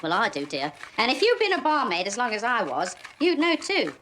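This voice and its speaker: A chatty, giggly middle-aged ex-barmaid. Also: female voice, a little high, wildly swooping pitch, brisk, a bit bright, a little hiss or hum. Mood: homely, frank. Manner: chatty, laughing, homely.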